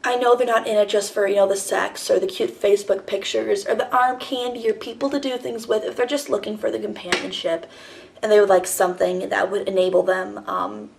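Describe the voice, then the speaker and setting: A woman's voice: mid-range voice, fairly even intonation, fairly quick, gravelly, a little hiss or hum. A woman hosting a casual monologue vlog, a little out of breath after a workout, talking frankly and firmly with rambling asides. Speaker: host.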